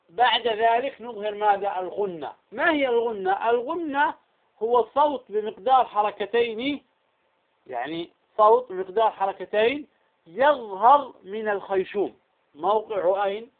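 A man teaching Quran recitation rules, constantly asking quiz questions and answering them himself. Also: high voice. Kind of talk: tajweed lesson. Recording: tinny phone-like line.

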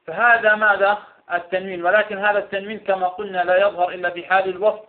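Man, Quran recitation teacher, high voice, phone-like audio, asks and answers his own questions. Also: level tone, racing. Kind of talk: classroom lesson. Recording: tinny phone-like sound.

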